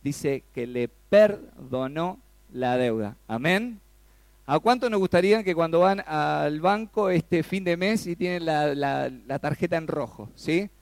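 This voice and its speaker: An Argentine man preaches with a gravelly, fairly high voice. He gets animated, throws questions at his listeners and leaps up in pitch when he acts out a plea. The sound is dry and close, with no room echo. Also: a little slow. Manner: animated, rises sharply when acting out pleas; asks the congregation questions. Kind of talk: sermon.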